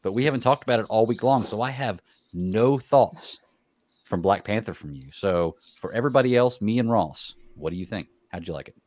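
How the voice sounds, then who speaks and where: Podcast host: man, low voice, dry close sound, easygoing banter. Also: lively intonation, fairly quick, a little mellow, dry recording. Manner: chatty, laughing banter with co-hosts. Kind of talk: casual podcast chat.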